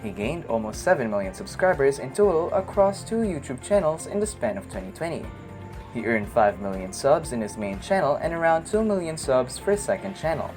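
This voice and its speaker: Woman, documentary narrator, very low pitch, formal scripted reading, music behind. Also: very animated, a little fast.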